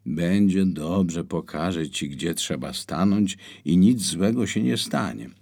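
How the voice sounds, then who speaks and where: Audiobook: gentle mother, slow and reassuring, low husky tone, read by a man. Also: animated, heavily acted. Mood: soothing. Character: gentle patient mother soothing her son.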